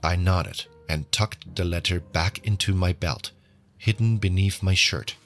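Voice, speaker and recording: A man playing a newly arrived, wary prison inmate who narrates his own story in a measured audio drama style. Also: sits low, steady tone. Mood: measured, reflective. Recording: music under the voice.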